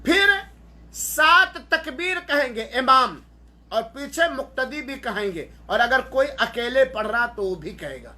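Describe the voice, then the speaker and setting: A man giving a measured, step-by-step religious lesson, explaining each part carefully. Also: extremely high pitch, expressive, bright, forceful tone. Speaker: religious teacher. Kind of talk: instructional religious talk.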